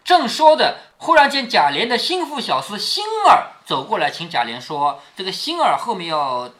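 Father reading a classic aloud to his kid; bright, very lively delivery, chatty asides, keeps checking in. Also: sits high, normal speed. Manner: chatty, often checks in with the listener. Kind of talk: read-aloud storytelling with explanations.

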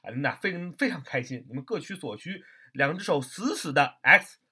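A man's voice: fairly high pitch, lively intonation, fairly quick, pushed and bright, husky. A man teaching English vocabulary in a chatty way, spelling words out letter by letter and asking rhetorical questions. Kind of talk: lively vocabulary lesson.

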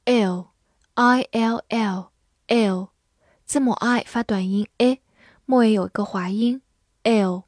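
A woman teaching English vocabulary, explaining in Chinese and reading English sentences slowly, spelling words out letter by letter. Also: mid-range voice, darkish tone, dry recording, clean studio sound. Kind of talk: vocabulary lesson with slow read-alouds.

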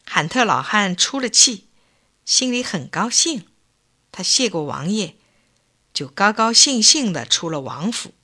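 A woman reading a folk tale aloud in an expressive, unhurried way. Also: mid-range voice. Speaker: storyteller.

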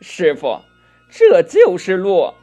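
A man's voice: sits high, huge pitch swings, slow pace, dark tone, soft background music, full character voice. A man voicing a clever, cheeky monkey king disciple who talks confidently and teasingly in a children's story.

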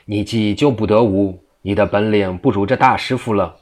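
A man's voice: fairly low pitch, normal speed, a little mellow, natural voice. A man reading the lines of a frightened woman who pleads in pain. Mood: pleading. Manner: pleading, anxious. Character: frightened adulterous young woman.

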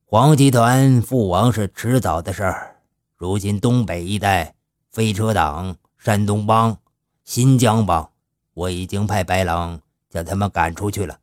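A male storyteller voicing a shrewd older gang leader who speaks slowly and with fatherly authority. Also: fairly low pitch, darkish tone, dry recording, clean studio sound, natural voice. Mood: advising. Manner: slow, measured, fatherly.

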